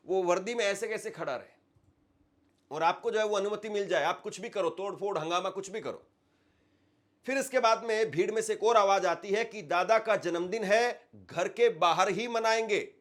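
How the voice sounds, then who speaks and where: A man giving opinionated news commentary, emphatic and acting out quoted lines with heavy stress. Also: high voice. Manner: emphatic, acts out quoted slogans with strong stress.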